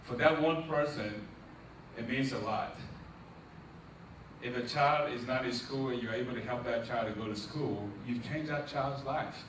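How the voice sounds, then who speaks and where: A middle-aged Liberian man, a nonprofit founder giving a launch speech, addresses a crowd in a preacherly, motivational way, asking questions and building to emphatic peaks. His mid-range voice moves at a moderate pace. The distant mic picks him up in a large echoey event hall, with noise in the recording.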